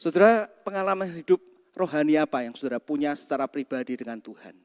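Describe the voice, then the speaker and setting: A male pastor preaching in a church, his fairly high voice carrying a long reverb through the hall. He tells a personal story and keeps calling out to the congregation as he goes. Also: animated, quick pace, clean tone. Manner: storytelling, often addresses the congregation directly.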